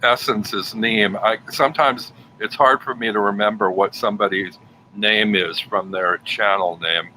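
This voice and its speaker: Low-pitched, very bright-voiced man hosting. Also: steady tone, measured pace, poor audio. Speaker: livestream host. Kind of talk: casual chat. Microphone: home livestream setup. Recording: faint background noise.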